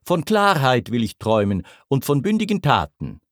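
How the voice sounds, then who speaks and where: A man's voice: mid-range voice, big pitch swings, moderate pace, no room sound, studio quality, close to an everyday voice. A man voicing a proud, vengeful goddess queen, declaiming verse with scorn. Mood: scornful.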